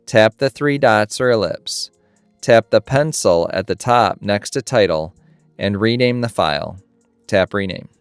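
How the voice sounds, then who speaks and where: A man's voice: on the low side, smooth, no room sound. A man giving scripted tutorial narration, reading instructions as short, clipped steps. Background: music.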